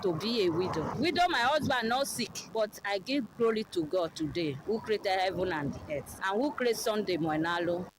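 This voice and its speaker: A Nigerian woman gives unscripted testimony in halting English. Her voice sits at a middle pitch, recorded in the field with clear vehicle and ambient noise. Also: animated. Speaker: bereaved widow interviewed.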